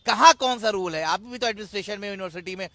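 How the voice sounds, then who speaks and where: Male debate moderator, bright sharp voice, rapid-fire pressing questions. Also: sits high, no echo. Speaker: debate show host, senior journalist.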